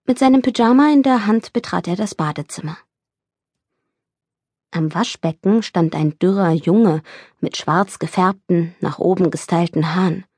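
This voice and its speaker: A woman reading an audiobook in steady, measured scripted narration, recorded close in a studio. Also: fairly low pitch, slightly rough, no echo. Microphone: studio microphone, close.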